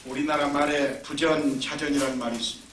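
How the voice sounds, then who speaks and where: A male pastor preaching a sermon in a lively, emphatic storytelling manner. His voice sits high and sounds bright and forceful. It carries through a roomy church from a mic set some way off. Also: quick pace. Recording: roomy, distant mic, faint noise.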